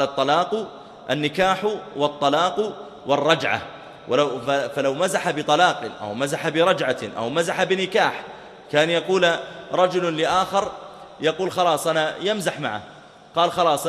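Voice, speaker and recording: A man delivers a rapid, lively religious lesson. He acts out little exchanges between people as he explains the rulings. His slightly high voice rings out in a roomy hall with a long reverb. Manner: fast, animated teaching with acted-out example dialogues. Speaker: Islamic preacher. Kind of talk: recorded religious lesson on jurisprudence.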